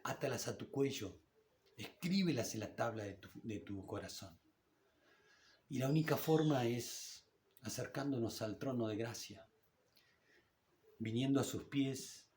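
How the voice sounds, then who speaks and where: A man with an Argentine Spanish accent preaching a sermon in church, in a conversational way that slows down to read scripture aloud. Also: fairly low pitch, a little mellow. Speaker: pastor.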